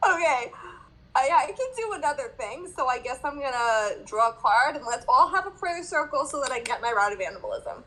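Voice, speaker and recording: A woman with a New York accent playing a card game aloud, giggly and playful, thinking out loud with a lot of hesitation. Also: high-pitched, lively intonation, brisk, poor audio. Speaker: player.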